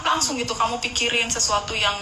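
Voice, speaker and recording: A woman's voice: on the high side, fast. A woman in her late thirties giving casual, talkative relationship advice to viewers, full of fillers and restarts. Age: 30s. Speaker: advice vlogger answering viewer questions. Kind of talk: casual chatty advice talk. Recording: echoey room with clear background noise.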